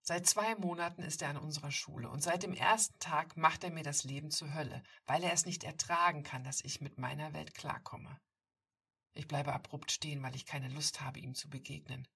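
A woman reading a first-person story aloud, intimate and softly told, on a distant mic. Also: low-pitched, fairly even intonation, normal speed, vocal fry, breathy edge. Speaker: audiobook reader.

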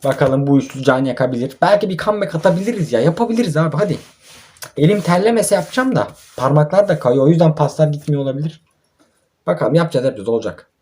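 A man's voice: on the high side, animated, quick pace, dark tone. A young man, giving exasperated, ranting commentary over a mobile football match and swearing at his own team. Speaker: mobile football gamer and YouTuber. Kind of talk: gameplay commentary.

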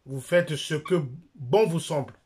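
A middle-aged man from the Republic of the Congo, speaking French-accented and with a fairly high, darkish voice at a measured pace, addresses a close phone camera in a small room. A church member and critic, he insistently repeats phrases and jabs his finger in a direct-to-camera denunciation, with slight background noise.

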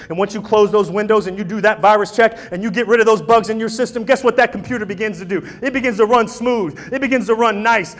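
A man giving an impassioned personal testimony at a church, repeating phrases and building to shouts. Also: high-pitched. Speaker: guest speaker at church recovery ministry. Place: church sanctuary. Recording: long church hall reverb.

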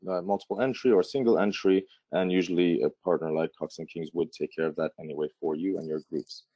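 Low-voiced man from Jordan, webinar talk. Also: no echo. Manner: casual, many fillers and restarts. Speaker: tourism board presenter. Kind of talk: webinar presentation. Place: Washington D.C. remote setup. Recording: dull lo-fi audio.

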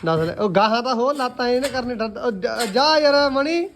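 A man's voice: very high-pitched, animated, brisk, noisy background. A man filming a farm vlog outdoors at a stable on a phone, teasing and coaxing his friend with repeated urgings. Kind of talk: casual outdoor banter. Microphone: phone camera.

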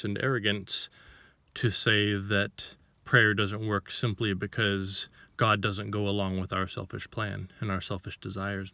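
Man, informal preacher, low and bright-edged, dry close sound, questioning style. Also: dry recording. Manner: reads scripture then explains it, asking rhetorical questions; searching for words, with frequent restarts. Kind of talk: informal sermon to camera.

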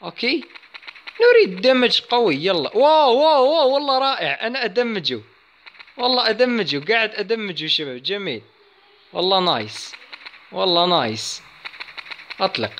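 A man hosting a gaming channel, giving excited let's-play commentary, chatty and talking straight to his viewers. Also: high voice, slight background noise. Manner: excitable, chatty, addresses viewers, yelps at game moments.

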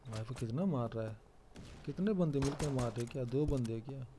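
A young man commentates his own gameplay in a brisk, mid-range voice, chatty and self-mocking as he jokes about himself and calls out to teammates. The background is noisy.

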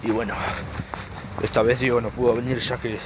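A man's voice: mid-range voice, little pitch movement, brisk. Young Argentine man, noisy outdoor recording. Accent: Argentine Spanish. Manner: coarse, slangy, swearing. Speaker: night exploration vlogger. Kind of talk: casual vlog chat while exploring. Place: outdoors at night, street and open country. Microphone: handheld camera or phone.

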